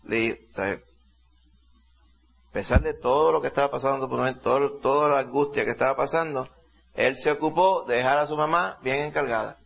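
A man's voice: mid-range voice, moderate pace, gravelly, a bit bright, highs cut off. A man from Latin America preaching a sermon in a conversational teaching style, full of rhetorical questions and "ok?" check-ins.

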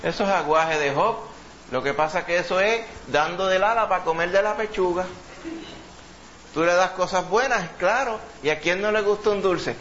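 A man's voice: high voice, moderate pace, a bit bright, highs cut off, a little hiss or hum, voice pushed up. A man voicing a sneering male devil who mocks and goads. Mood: scoffing. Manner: mocking, goading.

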